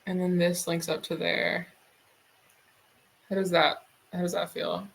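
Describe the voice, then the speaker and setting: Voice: mid-range voice, monotone, measured pace, gravelly, a bit bright. A streamer in a casual drawing stream, musing aloud and swearing casually.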